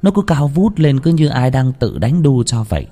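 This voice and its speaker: A man tells a ghost story in a dramatic, drawn-out style. His voice swings widely in pitch at a middle register. Faint music plays behind him. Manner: expressive, drawn-out storyteller delivery.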